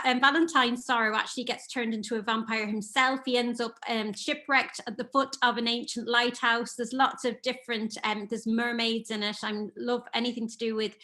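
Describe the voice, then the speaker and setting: A children's author from the north of England, with a mixed English and Irish accent, talks eagerly about her books in a remote interview from her home in Ireland. Her voice is on the high side, pushed and bright, and she's enthusiastic, telling stories as she goes.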